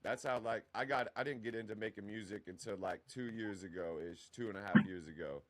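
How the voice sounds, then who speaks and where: Asking questions a little fast in a voice on the low side, the mid-twenties podcast host keeps the casual interview chat loose and rambling, full of "you know what I mean".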